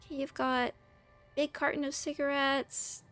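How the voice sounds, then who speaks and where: High-voiced woman gamer thinking aloud. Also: flat delivery, unhurried, a bit bright, soft background music. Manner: musing aloud in short fragments. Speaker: gamer commenting on her own playthrough. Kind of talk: casual let's play commentary.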